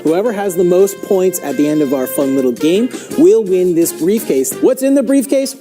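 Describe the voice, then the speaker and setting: A man hosting an esports broadcast, running a playful quiz segment and commentating with teasing, quick asides. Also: sits high, expressive, dark tone, soft background music. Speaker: esports broadcast host and interviewer. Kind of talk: playful game-show hosting and tournament commentary.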